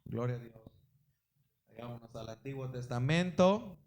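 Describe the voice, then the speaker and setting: A man's voice: mid-range voice, expressive, a little slow, darkish tone. A man preaching a Sunday sermon in a church service, emphatic, with swings in volume and frequent exclamations to the congregation. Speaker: pastor.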